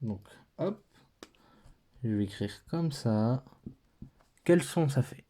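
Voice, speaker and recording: A man's voice: medium pitch, lively intonation, slow, dark tone. A man with a French accent teaching a patient, step-by-step lesson, thinking aloud as he writes.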